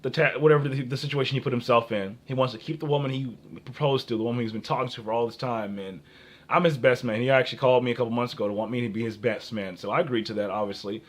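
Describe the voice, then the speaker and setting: This young man from Minnesota in the United States is a dating advice vlogger who rambles through off-the-cuff relationship advice and personal anecdotes. His medium-pitched delivery is halting and fairly even in intonation, and he often breaks off and repeats phrases.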